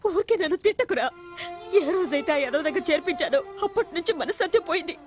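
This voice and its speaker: A frightened, scolding older sister. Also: female voice, extremely high pitch, animated, fast talker, soft background music. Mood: fearful. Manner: scolding, fearful, tearful. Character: anxious protective older sister. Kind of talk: Telugu-dubbed film drama.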